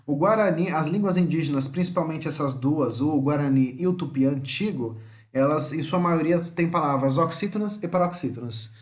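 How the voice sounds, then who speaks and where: Brazilian Portuguese male teacher, slightly high voice, patient explainer for an online lesson, sounds words out slowly. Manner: explains patiently, often checks in with the listener; slowly spells out words syllable by syllable. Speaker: language teacher.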